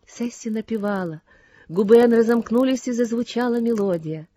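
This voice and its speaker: A woman reading a story aloud as narrator, in a slow, soft and lyrical manner. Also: fairly high pitch, no echo, studio quality. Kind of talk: audiobook reading.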